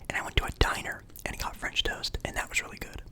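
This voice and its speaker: A man's voice: quick pace, sharp tone. A young man whispering casually as an ASMR creator, chatting about food between bites.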